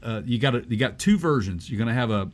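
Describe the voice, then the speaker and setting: A man's voice: mid-range voice, lively intonation, fast, slight background noise. A man co-hosting a casual chat show, easygoing and agreeable, often restarting his sentences. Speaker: podcast co-host.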